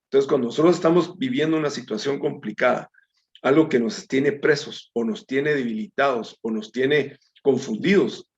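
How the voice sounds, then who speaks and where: In a dull, lo-fi recording, a man talks through a Bible study in a relaxed, conversational way, calling his audience brethren. His voice sits at a medium pitch and moves at an ordinary speed as he reads scripture aloud with minor slips.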